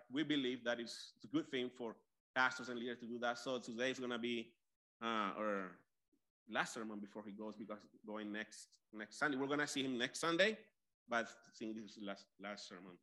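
A man's voice: mid-range voice, fairly even intonation, moderate pace, sharp tone. A man from the church making an unscripted announcement to introduce the preacher, speaking hesitantly with many fillers and restarts.

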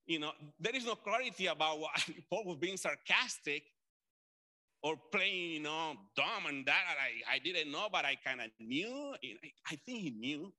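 A man from Colombia's Caribbean coast with a Colombian accent, preaching a conversational sermon with animated storytelling, restarts and asides. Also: fairly high pitch, normal speed. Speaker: pastor.

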